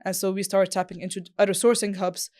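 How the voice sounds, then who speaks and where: A woman's voice: medium pitch, level tone, fast, a little mellow. A woman from Morocco, a business founder and interview guest, who answers fluently and thoughtfully with frequent fillers.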